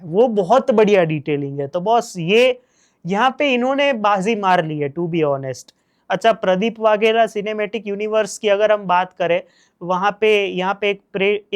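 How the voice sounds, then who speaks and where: A man's voice: high voice, clear, resonant tone. A man with a Gujarati accent talking through a series review in a casual, enthusiastic way, repeating praise and mixing in English phrases.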